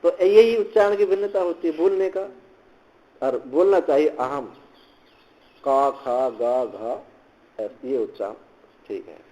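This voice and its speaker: A male swami teaching scripture, reciting Sanskrit lines and explaining them slowly in Hindi, often repeating phrases. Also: high-pitched, dark tone, lo-fi sound. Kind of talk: slow scripture commentary lecture.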